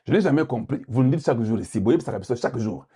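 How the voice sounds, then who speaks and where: A man from Congo with a Congolese French accent, delivering heated, forceful political commentary and repeating points for emphasis. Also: medium pitch, expressive, rapid-fire, breathy edge. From Democratic Republic of the Congo.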